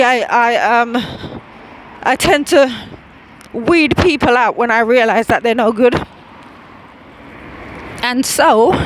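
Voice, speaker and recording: Slow-talking woman vlogging outdoors. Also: fairly high pitch, slight background noise, low-quality recording. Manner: rambling, with many fillers and restarts. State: slightly out of breath from walking. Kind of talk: casual chat while walking.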